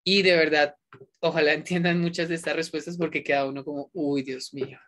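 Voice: medium pitch, steady tone, fast, fairly bright tone. An English teacher talking to a class online, mixing Spanish with English, coaxing and encouraging the students, and repeating words for emphasis.

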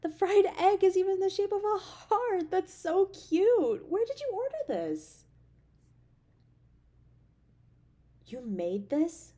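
Voicing a loving, playful girlfriend who cares deeply, this actress gives a tender, expressive reading in an intimate audio drama. Her very high voice is unhurried and heavily acted, full of delight and admiration.

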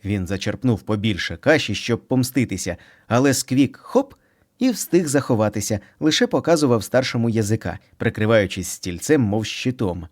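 A man reads a children's storybook aloud with playful expression. His voice sits low and steady. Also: normal speed. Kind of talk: scripted storybook narration.

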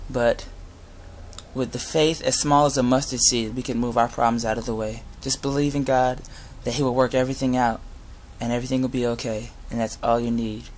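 A young adult man giving an informal sermon with Bible readings, speaking earnestly and a little haltingly. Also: mid-range voice. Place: inside a garage. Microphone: device camera at close range.

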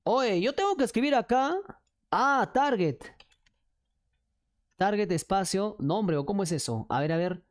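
A woman's voice: medium pitch, lively intonation, measured pace, pauses often. A woman, streaming and chattily coaxing her viewers to join a chat game. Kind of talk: casual livestream chat hosting a chat game.

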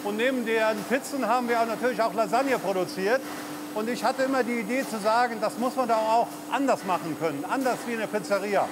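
A man in his fifties from the Eifel who heads a lasagna factory, explaining the production line in a relaxed way with fillers. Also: high voice, fairly quick, background noise. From Eifel region, Germany. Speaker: factory head. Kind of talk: on-site interview. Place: large food factory floor. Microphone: lapel mic. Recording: music underneath.

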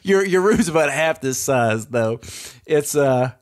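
A man's voice: medium pitch, lively intonation, a little slow. A middle-aged man hosting a casual podcast chat from a bedroom at home, rambling and drifting into tangents. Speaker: podcast host and father.

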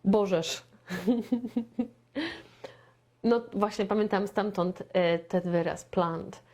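A woman with a Polish accent runs a relaxed English lesson for beginners. She chats her way through the explanations and says each example phrase slowly, several times over. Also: mid-range voice. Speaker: English teacher.

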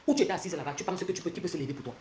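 Her pitch swings widely, and there's a little hiss or hum. She's a Cameroonian French-accented social media commentator in her forties, ranting on a livestream with her phone close in a bright room indoors. She's quick and confrontational, trading loud mockery for low, intense lecturing.

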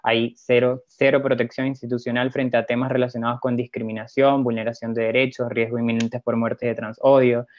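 A man's voice: medium pitch, flat delivery, darkish tone, no room sound. Dull, dry voice-over of a hesitant man. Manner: measured, hesitant, with pauses and fillers. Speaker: presenter. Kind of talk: narrated slide presentation.

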